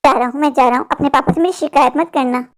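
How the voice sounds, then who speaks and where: A woman's voice: high voice, fast. A woman voicing a sly male stranger in a cartoon story, who coaxes sweetly and then backs off nervously. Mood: wheedling. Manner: wheedling, then backing off nervously. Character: sly male stranger trying to lure a girl.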